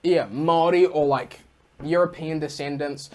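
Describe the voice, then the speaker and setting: A young New Zealand man with a Kiwi accent co-hosts a casual podcast, telling stories in a rambling way packed with "like." His voice sits on the high side with a darkish tone, and he speaks at a moderate pace.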